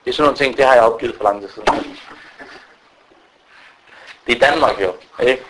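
The Islamic preacher's mid-range, fairly bright voice carries an unscripted religious lecture aimed directly at a gathering, with many fillers and restarts. The rough recording has a little hiss or hum.

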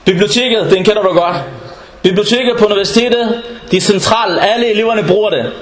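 A man preaching a religious lecture, telling anecdotes in an animated way and at times raising his voice. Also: high-pitched. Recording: echoey room.

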